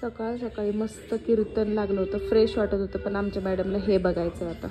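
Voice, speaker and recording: A young woman vlogging at home, switching between sing-song baby talk to her toddler and calmer asides to viewers. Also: medium pitch, a little fast, roomy sound, music in the background, poor audio. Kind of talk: casual family vlog, talking to a toddler and the camera.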